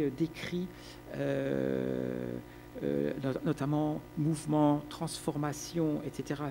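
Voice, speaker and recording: A man from the audience asking a question at a lecture, halting and repeating words as he thinks aloud. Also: on the high side, creaky, mellow, slight background noise. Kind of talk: conference question.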